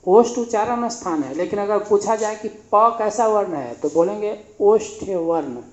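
A man's voice: sits high, lively intonation, moderate pace, darkish tone. A man teaching Hindi grammar in a classroom style, patiently repeating sounds and asking the listener to say them back. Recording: echoey room, slightly dull sound.

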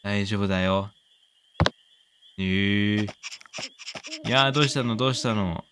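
A man doing casual let's-play commentary, excitable, exclaiming often and cooing at the pet. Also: fairly low pitch, measured pace, noisy background. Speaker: game commentator.

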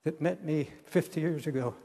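An older man preaching an earnest, pleading sermon, often halting and repeating his words. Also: on the high side, warm tone, breathy edge. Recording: long echo of a large hall.

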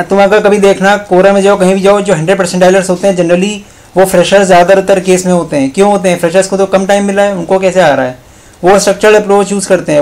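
Indian guy tutoring, kinda high voice, keeps saying okay after every point. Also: darkish tone, low-quality recording. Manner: direct, mixes Hindi and English, keeps saying "okay". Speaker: coaching founder and tutor. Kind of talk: casual advice talk to students.

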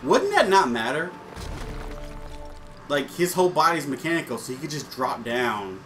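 Excitable young man playing a game. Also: on the high side, moderate pace, soft background music. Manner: lively, excitable, laughs often. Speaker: let's play co-host playing the game. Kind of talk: casual gaming chat.

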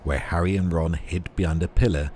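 A low-voiced man delivers scripted tour narration as a guide. His manner is measured and informative, and clear background ambient noise sits behind his words. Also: fairly even intonation, darkish tone.

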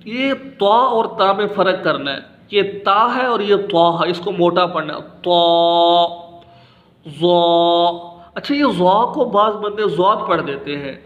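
High-voiced man teaching letters, echoey. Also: lively intonation, phone-quality sound. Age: 30s. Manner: slow, drawn-out letter pronunciations for repetition; explains patiently and plainly. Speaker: Quran teacher. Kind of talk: recorded alphabet lesson for parents.

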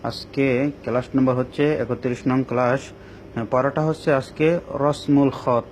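A man teaching Quran reading in a recorded online class, explaining each rule slowly and drawing out the recited words for his students. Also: mid-range voice, steady tone, darkish tone, slight background noise.

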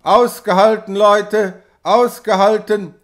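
Guy reading a furious dike reeve yelling orders, loud and commanding. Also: on the high side, unhurried. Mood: urging. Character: stern angry dike reeve, shouting orders.

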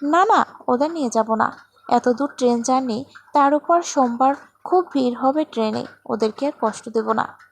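A woman reading a story voices a calm young woman who speaks softly and reasons with measured firmness. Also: high voice, creaky, a little hiss or hum.

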